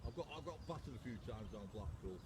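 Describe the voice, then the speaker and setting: A man's voice: lowish voice, animated, quick pace. A middle-aged man, a bit tipsy, rambling and laughing as he reminisces in a casual chat outdoors. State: tipsy from drinking. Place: outdoors on a street. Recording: loud street noise outdoors.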